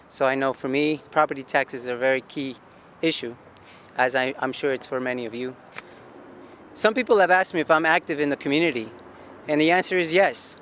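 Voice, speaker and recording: Earnest council candidate, somewhat high voice. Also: male voice, a bit bright, a little hiss or hum. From Guatemala. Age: 40s. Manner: earnest, asks himself questions and answers them, frequent restarts. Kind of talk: campaign statement to camera. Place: outdoor rooftop deck in a city.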